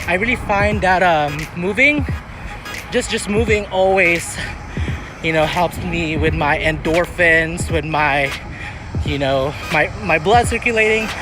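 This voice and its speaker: A man chatting casually as a vlogger, giving earnest, encouraging advice and rambling as he searches for words. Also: high voice. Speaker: vlogger answering viewer questions.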